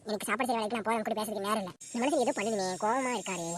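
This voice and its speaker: A woman voicing a sharp-tongued, quarrelsome housewife in a cartoon comedy, scolding loudly. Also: medium pitch, slight background noise, natural voice. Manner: fast, scolding, loud.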